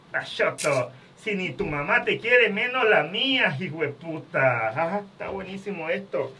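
A man's voice: high-pitched, animated, unhurried, pushed and bright, slight background noise, heavily acted. A man voicing a brash, foul-mouthed comic superhero, answering fan questions in a crude, mocking vlog outdoors by a river. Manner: crude, mocking, full of insults and slang.

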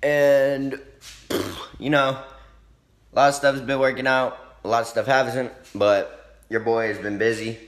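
A man's voice: medium pitch, level tone, a little slow, pauses often, rough recording. A man chatting casually into a handheld phone for his vlog, rambling with lots of fillers. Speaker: vlogger. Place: at home, then a school cafeteria.

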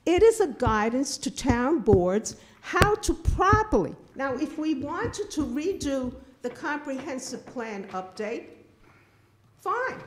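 An older woman giving an indignant, emphatic public comment at a town board meeting, speaking into a podium microphone in a meeting room. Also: sits high. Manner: indignant, emphatic, repeats herself. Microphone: podium microphone, filmed from a distant camera.

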